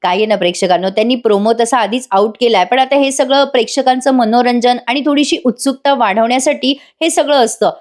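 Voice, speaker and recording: A woman's voice: a little high, steady tone, fairly quick, few pauses. Chatty woman recapping a TV serial. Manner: chatty, dramatic, addresses viewers directly. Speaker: TV serial reviewer. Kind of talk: chatty voice-over episode recap.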